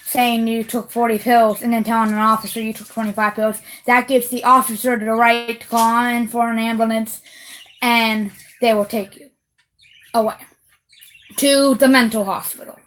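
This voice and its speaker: A woman's voice: a little high, level tone, moderate pace, a bit bright, rough recording. A woman venting on camera in a heated, repetitive rant, swearing and leaning hard on stressed words. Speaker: vlogger. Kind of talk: casual direct-to-camera rant.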